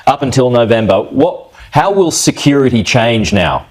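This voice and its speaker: A man's voice: medium pitch, sing-song, normal speed. A man hosting a news interview in a conversational, somewhat hesitant way, often ending his points with tag questions.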